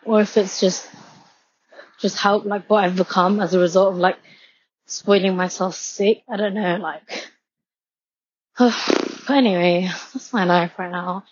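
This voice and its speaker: Breathy young woman rambling while walking. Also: mid-range voice, fairly even intonation, measured pace, long pauses, muffled recording. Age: 20s. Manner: rambling, heavy use of filler "like". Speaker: vlogger. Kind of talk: walk-and-talk vlog rant. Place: outdoors, walking home from a station.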